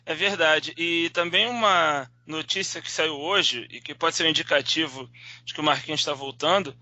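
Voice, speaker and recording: Higher-voiced, bright chatty man. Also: normal speed, no room sound. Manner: talkative, chuckles often. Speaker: podcast panelist. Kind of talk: casual football chat. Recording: dull lo-fi sound.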